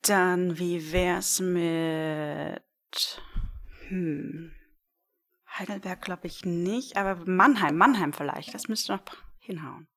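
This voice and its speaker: A woman in a casual podcast quiz who thinks aloud as she weighs her answers. Her voice sits on the low side for a woman. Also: slow pace, a bit bright. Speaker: quiz contestant.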